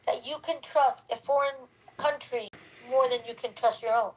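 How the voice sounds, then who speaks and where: A woman's voice: sits high, fairly even intonation, moderate pace, slight background noise, rough recording. A woman in her forties talking in a casual live discussion, emphatic and repeating herself for stress. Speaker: panelist.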